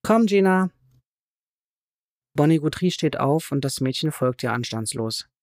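A male narrator reads a psychological thriller in a calm, measured voice with a gravelly texture. The recording is close and dry, with no room sound at all. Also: medium pitch, no room sound. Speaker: audiobook narrator. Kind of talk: scripted audiobook narration.

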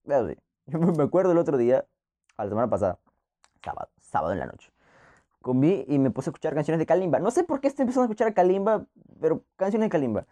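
Young male podcast host, casual laughing monologue, animated and warm. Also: on the high side, quick pace. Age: young adult. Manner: rambling, laughs often, many restarts.

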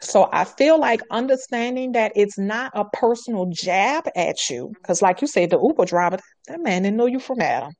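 A woman's voice: mid-range voice, expressive, moderate pace, few pauses, darkish tone. A woman on a podcast talking earnestly, repeating her points for emphasis. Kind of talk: casual podcast conversation.

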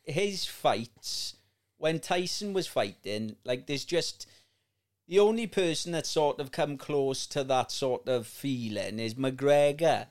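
A man's voice: mid-range voice, lively intonation, slow. A man in his late thirties, a podcast guest chatting casually, sweary and rambling with repeated words. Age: 30s. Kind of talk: casual chat.

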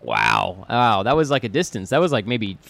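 A man's voice: fairly low pitch, wildly swooping pitch, moderate pace, vocal fry, a bit bright, no room sound, heavily acted. A man playing a goofy rambling lawyer. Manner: rambling, playful, lots of false starts. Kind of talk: improvised comedy scene.

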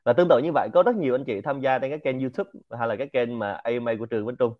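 A man from central Vietnam with a Quảng Nam accent, giving an informal business lecture in an animated, rhetorical way and often asking the audience to agree. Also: mid-range voice, rapid-fire, phone-quality sound. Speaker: lecturer and host of a Q&A show.

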